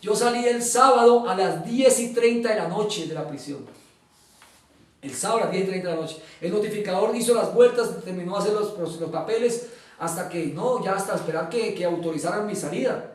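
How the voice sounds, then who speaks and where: A man gives an earnest personal testimony in an interview, acting out the dialogue he quotes and pausing on filler sounds. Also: high-pitched. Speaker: guest giving testimony. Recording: echoey room, mic at a distance.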